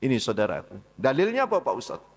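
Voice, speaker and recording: A man's voice: medium pitch, wildly swooping pitch, quick pace. A man giving a casual, conversational talk at a dawn study session in a mosque, often calling on his listeners directly. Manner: conversational, addresses listeners as "Pak" and "saudara" often. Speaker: preacher. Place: large mosque hall. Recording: long hall reverb.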